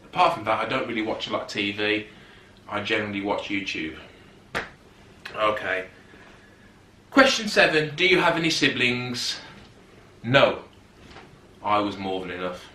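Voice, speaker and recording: A man in his 30s, a fitness YouTuber, rambles casually to camera from the settee in his home, drifting off topic. His lowish voice is pushed and bright, recorded from a distance in an echoey room.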